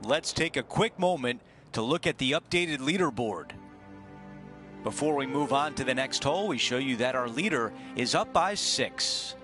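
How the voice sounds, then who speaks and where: A man performing as a measured TV golf commentator in a video game, calling play by play. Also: mid-range voice, lively intonation, lightly acted. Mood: measured, approving. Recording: music behind the voice.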